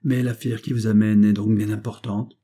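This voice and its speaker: A man reading the lines of a kind, anxious young peasant woman in an audiobook, lifting his pitch slightly and asking gentle questions. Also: little pitch movement, moderate pace, close to an everyday voice. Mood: concerned.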